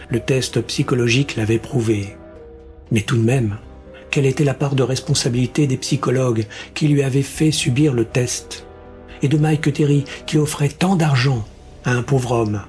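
A man reading a science fiction story aloud as an audiobook narrator in a measured, even way. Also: medium pitch. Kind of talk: scripted narration.

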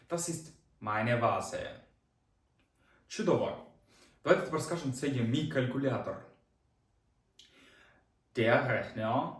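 Guy teaching a lesson, calm step by step, roomy echo, bit far from the mic. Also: mid-range voice. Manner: patient step-by-step explaining, with fillers. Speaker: German teacher. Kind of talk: online language lesson.

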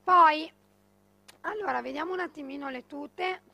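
A middle-aged woman hosting TV shopping, giving an emphatic, gushing infomercial sales pitch that urges viewers to buy. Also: unhurried, vocal fry, bright, forceful tone. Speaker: TV shopping host. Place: TV shopping studio.

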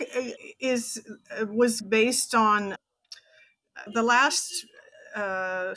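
As a podcast guest, a sixty-something author and teacher from Texas speaks conversationally with an American accent. Her voice is mid-range with a fairly bright tone.

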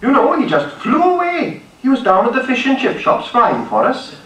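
A man voicing a gentle, dreamy male railway engine driver in an animated film, mild and earnest with stammering starts. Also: very high voice, normal speed, heavily acted. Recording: echoey, distant hall playback with hiss.

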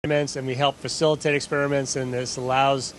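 A man's voice: flat delivery, fairly quick. A man in his fifties, an astronaut answering interview questions conversationally into a handheld mic inside a space station. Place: small, equipment-packed space station module. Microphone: handheld microphone. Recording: faint rumbling background noise.

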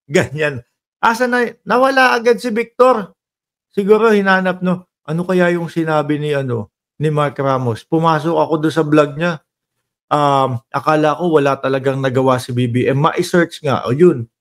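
A man's voice: on the high side, normal speed. Teasing man vlogging on politics. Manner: mocking, teasing, rhetorical questions. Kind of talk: casual political commentary, reading comments.

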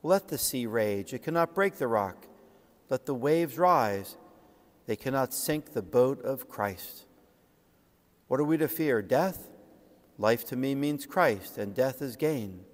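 A middle-aged man preaches at the ambo of a large church, his ordinary male pitch echoing with long reverb. He paces his phrases carefully yet with lively intonation, much like a priest narrating a saint's life and reading old texts.

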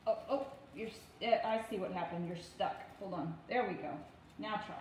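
This mother in her thirties walks her child and the camera through a recipe step by step, patient yet firm in her casual instructions. Her voice is medium-pitched and a little mellow, moving at a normal speed. The indoor home kitchen is very echoey with faint noise, recorded on a phone propped on the counter about arm's length away.

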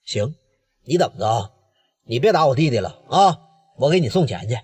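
Speaking Northeastern Mandarin, a man plays a stern, protective gang boss: a respected adult male leader with a hot temper. His slightly rough voice moves at a moderate pace, low and steady before turning fierce, and the recording sounds like a large room.

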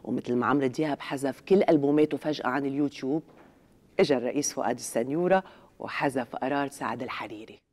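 Low-voiced Lebanese woman in a sarcastic comedy rant. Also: racing, darkish tone. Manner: sarcastic escalating comedy rant with mock outrage. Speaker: satirical TV show host. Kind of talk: scripted satirical comedy monologue. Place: TV studio.

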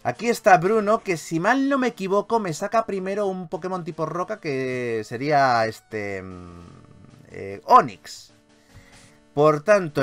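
A Spanish man gives theatrical, foul-mouthed commentary on a gameplay video, often repeating phrases in a fairly high, very lively voice. Game music plays faintly behind him.

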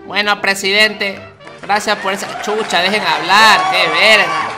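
A man voicing a cheeky official who presides over a swearing-in in a mock-formal tone, full of slang and curses. The voice is bright, with faint music in the background. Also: high voice, level tone, a little slow, a faint crowd, full character voice. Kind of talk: comedy parody dub.

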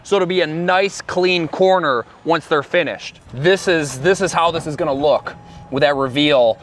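A man's voice: fairly high pitch, moderate pace, a little hiss or hum. A young man casually showing off a construction job site in a big empty warehouse, explaining work plans in a loose, sometimes profane way. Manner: casual and profane, explains while walking around. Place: large empty warehouse building under construction.

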